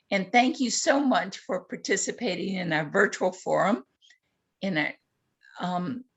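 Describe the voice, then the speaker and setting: A woman's voice: on the low side, gravelly, a bit bright, slightly rough. A woman interviewing a candidate at a virtual forum, politely reading out questions with a few hesitant asides. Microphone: video call.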